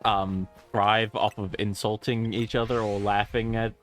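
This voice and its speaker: A man's voice: lowish voice, level tone, a little slow, fairly bright tone, faint music behind. An Australian man chatting as a guest on a stream, joking and laughing often. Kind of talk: casual chat over voice call.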